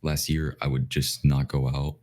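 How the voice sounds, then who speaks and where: A man's voice: extremely low pitch, little pitch movement, normal speed, darkish tone. A man co-hosting a podcast in casual chat, often restarting words and saying "bro". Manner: stammering restarts, says "bro" a lot. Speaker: podcast co-host.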